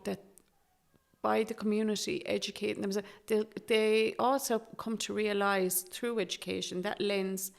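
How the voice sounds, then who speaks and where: A woman with an Irish accent speaks as a guest in a conversational interview. Her voice is heavily creaky and stays quite even in pitch. She sounds earnest and measured as she explains herself. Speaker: interview guest, Traveller education activist.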